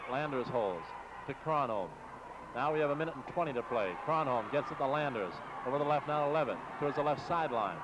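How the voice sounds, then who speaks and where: A man's voice: a little high, dull audio, heavy background noise. An American man calling live basketball play-by-play as a radio announcer in clipped, running phrases on a 1960s AM broadcast. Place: courtside in a large exposition hall.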